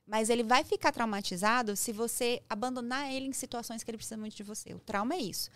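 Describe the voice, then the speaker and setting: Woman, Brazilian Portuguese accent, emphatic podcast guest, fairly high voice, dry studio sound. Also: fast, dry recording. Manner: emphatic, animated, acts out dialogue. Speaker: parenting guest. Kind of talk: podcast conversation. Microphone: studio podcast mic.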